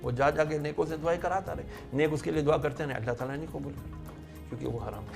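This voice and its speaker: A man's voice: fairly high pitch, vocal fry, music in the background. A middle-aged man, a religious scholar on a talk show, earnestly telling a long story and acting out the voices he quotes.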